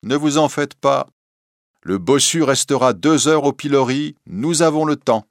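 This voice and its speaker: Man putting on a scared mom voice, high and breathless, storybook style. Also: measured pace, no echo, clean studio sound, natural voice. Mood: calm. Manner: anxious, breathless. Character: frightened mother hurrying her son.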